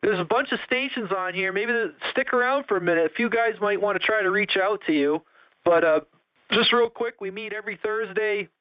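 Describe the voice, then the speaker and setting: High-pitched man on crackly two-way radio. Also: fairly quick. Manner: crackly radio-operator talk, directing callers. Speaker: radio net host. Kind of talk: casual CB radio net chat. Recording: dull, band-limited two-way radio.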